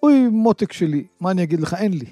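A fond father coaxes his child, apologetic and soft-spoken. A male preacher plays him with a lifted pitch. The sound is dry and close. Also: lively intonation, no echo, faint music behind. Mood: coaxing. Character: loving father gently refusing his child.

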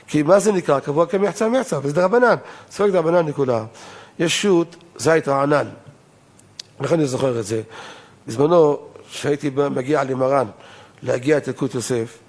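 A man's voice: fairly high pitch, darkish tone. An older man, a rabbi, giving a Torah law lesson in an emphatic lecturing manner, asking rhetorical questions and raising his voice on key points.

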